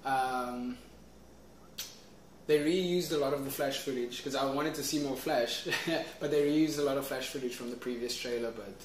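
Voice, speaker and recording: A man co-hosting a casual movie news chat, easygoing and quick to chuckle, mostly giving short replies. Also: medium pitch, slight background noise. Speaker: co-host. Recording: echoey room, distant mic.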